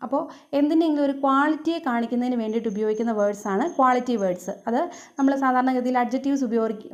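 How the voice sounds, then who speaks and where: Quick-talking woman teacher. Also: on the high side, darkish tone. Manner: explains step by step, mixing English terms into Malayalam. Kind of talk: exam-prep lecture.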